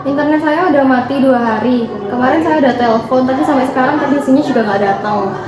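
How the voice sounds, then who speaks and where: A woman's voice: high-pitched, quick pace, a loud crowd, lightly acted. A woman playing a fed-up customer in an amateur role-play, grumbling informally. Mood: complaining. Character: fed-up female customer complaining about broken internet. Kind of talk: amateur role-play, casual colloquial speech. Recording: echoey room.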